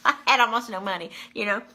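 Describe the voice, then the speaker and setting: A woman's voice: a little high, a little fast, bright, forceful tone. A woman telling a personal faith testimony in a casual, emphatic way, repeating key numbers for effect. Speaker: vlogger sharing a faith testimony.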